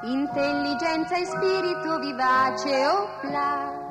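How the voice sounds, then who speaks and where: An actress playing a cheerful fairy giving a gift to a baby princess. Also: female voice, high-pitched, steady tone, slow pace, over loud music. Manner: sing-song. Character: cheerful, sing-song good fairy.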